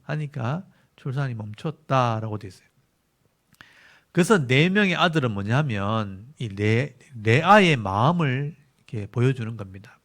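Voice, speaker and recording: A man with a Gyeongsang Korean accent, a pastor teaching a Bible lecture sermon who explains patiently and repeats key words for emphasis. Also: medium pitch.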